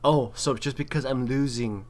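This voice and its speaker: A man of medium pitch, his voice a little mellow, plays a game and comments at normal speed in a wry, easygoing way, with a bit of mild swearing and trash talk. Noise is clearly audible in this home recording.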